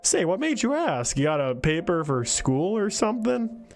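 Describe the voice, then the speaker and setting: A man voicing a kindly middle-aged village butcher talking gently to his daughter, in a raised voice. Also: high-pitched, sing-song, moderate pace, gravelly, soft background music, pitched above the performer's own voice, heavily acted. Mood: fond. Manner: gentle, fatherly.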